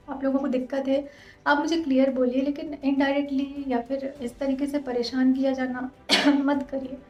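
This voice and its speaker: Woman vlogger, high mellow voice, quick earnest talk, roomy dull recording, faint music. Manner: fast, earnest, direct address. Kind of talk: casual vlog talk to viewers.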